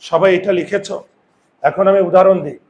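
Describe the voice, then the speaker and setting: Man teaching, repeating sounds slowly. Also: high voice, darkish tone, lo-fi sound. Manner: repetitive, demonstrates sounds slowly, asks students questions. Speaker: Bengali grammar teacher. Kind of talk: classroom lesson.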